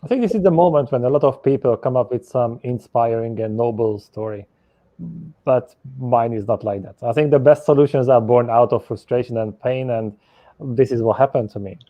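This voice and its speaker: A man's voice: mid-range voice, normal speed, no room sound. A man from Hungary, a guest telling his story in a candid, matter-of-fact way. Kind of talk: conversational storytelling. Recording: dry, lo-fi audio.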